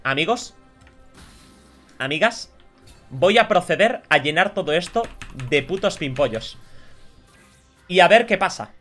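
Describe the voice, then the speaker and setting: Gaming streamer, male, twenties, Spain accent. Slightly high, forceful bright voice; slangy, mock-polite live play commentary. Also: lively intonation, a little slow, long pauses, faint music behind. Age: 20s. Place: indoors at a gaming desk.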